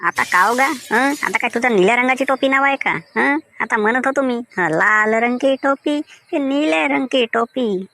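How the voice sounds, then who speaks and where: A man puts on an exaggerated, very high voice, pushed and bright, to play Diwakar, a cheerful singing village mango seller with a Vidarbha Marathi accent, here sing-song yet defensive and grumbling. He speaks fairly quickly with few pauses, and there's a little hiss or hum.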